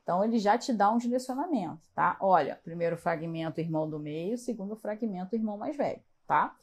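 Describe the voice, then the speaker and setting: A woman's voice: medium pitch, animated, brisk. A woman teaching Portuguese in a live exam review, explaining each answer step by step and checking in often with her students.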